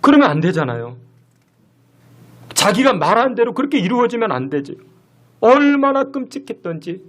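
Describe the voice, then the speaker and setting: A man's voice: high voice, a little hiss or hum. A middle-aged man preaching a sermon as pastor in a church, telling a story and asking the congregation questions. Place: church sanctuary.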